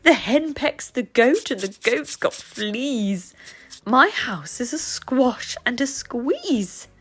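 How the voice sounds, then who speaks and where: A woman voicing a fretful, grumbling little old lady from a children's storybook, pleading and wailing in a drawn-out, dramatic way. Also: on the high side, very animated, husky, pitched above the performer's own voice, full character voice. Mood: exasperated wail.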